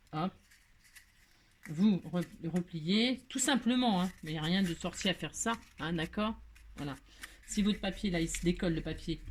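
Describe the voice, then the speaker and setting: A woman's voice: lowish voice, a little hiss or hum. A woman hosting a casual craft tutorial, chatty and self-mocking, full of fillers and repeated asides.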